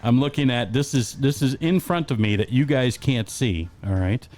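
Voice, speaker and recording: A man's voice: mid-range voice, moderate pace, darkish tone. A man co-hosting a casual podcast, joking and rambling, listing things off on a webcam. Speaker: podcast co-host. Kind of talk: casual chat. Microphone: webcam setup.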